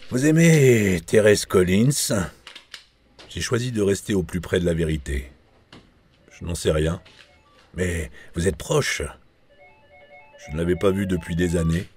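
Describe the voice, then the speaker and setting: A man's voice: deep voice, normal speed, long pauses, a little mellow, faint music behind. A man narrating a novel in the first person, with a dry, wry delivery. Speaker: audiobook narrator.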